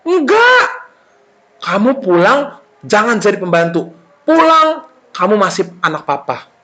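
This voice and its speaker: A loving, overjoyed father, high and emphatic, pouring out warmth to his son, as a man puts him on. The voice is bright with wide, lively swings. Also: unhurried, full character voice. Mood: insistent. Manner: high, emotional, emphatic exclaiming.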